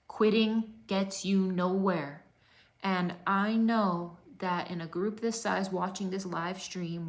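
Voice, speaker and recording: A woman fitness coach giving an emotional motivational talk on a livestream, repeating key lines and dropping to whispers for emphasis. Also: lowish voice.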